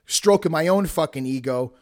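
A man hosting a show, delivering a forceful, emphatic motivational monologue straight at the listener in blunt, sweary tough-love language. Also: fairly high pitch, moderate pace. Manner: preachy, addresses listeners directly. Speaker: podcast host.

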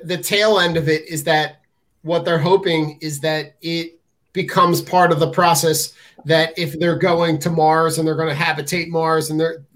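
A man's voice: on the high side, low-quality recording. A man who teaches science, chatting on a podcast with friends, stumbling over and repeating his words. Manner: halting, repeats words, laughs often. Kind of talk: casual podcast chat.

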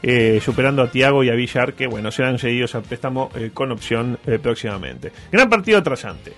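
A man with a Uruguayan accent hosting a radio show, delivering sarcastic sports commentary with a deadpan manner. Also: mid-range voice, a little fast, creaky, soft background music. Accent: Uruguayan Spanish. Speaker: radio host.

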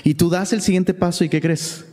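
A man's voice: high-pitched, steady tone, moderate pace, mellow, big-room sound. A man with a Mexican accent teaching a Bible study in a chatty, conversational way, often checking in with rhetorical questions.

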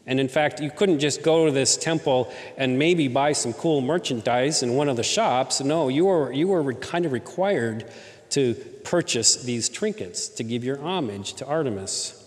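A man's voice: medium pitch, moderate pace. Male pastor preaching in a reverberant church. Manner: conversational preaching with rhetorical questions. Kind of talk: sermon. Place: church in Southern California.

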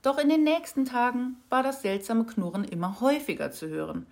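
Higher-voiced woman reading a storybook. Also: brisk, vocal fry. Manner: expressive, lively reading. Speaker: narrator.

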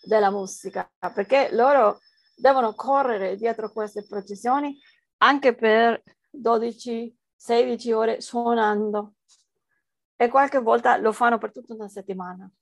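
A woman's voice: on the high side, a little slow, creaky, no room sound, rough recording. A woman researcher with a foreign accent, answering interview questions hesitantly as she searches for words in a language that is not her first. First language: not Italian, speaks it as a foreign language.

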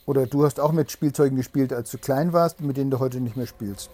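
A man reading a fairy tale aloud to a child, pausing to explain the story gently. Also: medium pitch.

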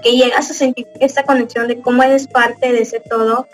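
A woman's voice: on the high side, level tone, normal speed, soft background music, rough recording. A young woman with a Mexican accent chatting casually as a podcast host, rambling with lots of fillers and little chuckles. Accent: Mexican Spanish. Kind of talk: casual chat.

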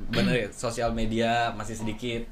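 A man's voice: medium pitch, little pitch movement, normal speed, crowd noise. A man with an Indonesian accent, a guest telling stories casually and jokily in slang with English phrases mixed in. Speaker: guest, former BMX rider. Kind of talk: casual podcast chat, storytelling.

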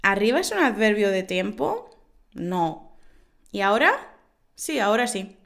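A woman hosts a podcast lesson, reading out wordplay jokes and then explaining them. She giggles at her own jokes and jumps her pitch up to act out the characters in each joke. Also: very animated, measured pace, vocal fry, a bit bright. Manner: acts out joke voices with big pitch jumps. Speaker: Spanish teacher and podcast host.

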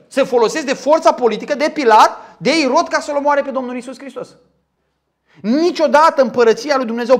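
High-voiced emphatic preacher man. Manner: emphatic, rhetorical questions, acts out quoted speakers. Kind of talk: sermon.

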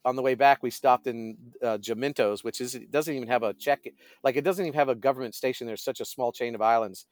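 A man's voice: medium pitch, quick pace, hardly any pauses, no echo, studio quality. A middle-aged man, a pastor and fishing guide, chatting as a podcast guest and often searching for his words. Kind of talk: casual conversational storytelling.

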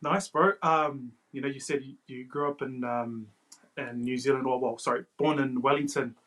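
A man's voice: medium pitch, fairly even intonation, normal speed, fairly bright tone. A man hosting an unscripted podcast interview in a hesitant, informal way, often saying bro and you know. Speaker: podcast host.

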